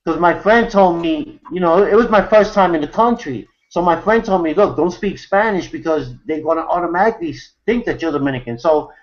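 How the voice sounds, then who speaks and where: A man with a high, light voice tells a long story in loose, casual talk, stopping and restarting often. His voice comes through a video call with muffled, lo-fi sound. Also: brisk, hardly any pauses. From New York City, USA. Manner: rambling, many fillers and restarts. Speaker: host of an online hangout.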